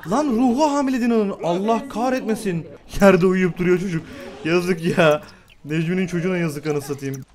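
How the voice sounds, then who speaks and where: A young man giving excitable live commentary on a game, swearing often and laughing a lot. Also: high-pitched, moderate pace. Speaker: gameplay streamer.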